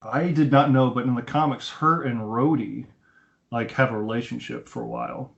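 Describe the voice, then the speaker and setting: As a podcast co-host, a man chats casually about film, explaining as he goes and retelling scenes with quoted dialogue. His gravelly, medium-pitched voice keeps fairly even intonation at normal speed, and the Skype call gives it a dull, lo-fi sound.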